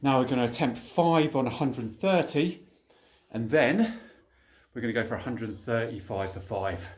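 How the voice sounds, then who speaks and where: A man speaks in an echoey room in the casual, chatty way of a fitness vlogger. His voice sits at a medium pitch, and he talks between sets of lifting weights in loose, colloquial language. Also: normal speed. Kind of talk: casual training vlog talk between sets.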